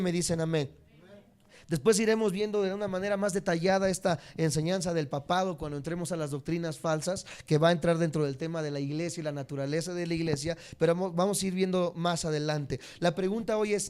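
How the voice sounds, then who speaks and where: A man teaching a church congregation, speaking to them directly and repeating key words. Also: a little mellow. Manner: swings between emphatic high peaks and dropped low endings. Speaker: Bible teacher.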